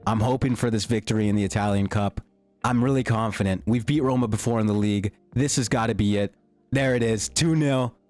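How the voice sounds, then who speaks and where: Young dude yapping over his game, lowish voice kinda worn out, super hyped, little bit of game music behind. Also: fairly quick, no room sound. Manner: hyped, slangy, swings between joking and shouting. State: voice starting to go. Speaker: gaming YouTuber. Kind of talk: excited gameplay commentary. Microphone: desktop mic, peaking.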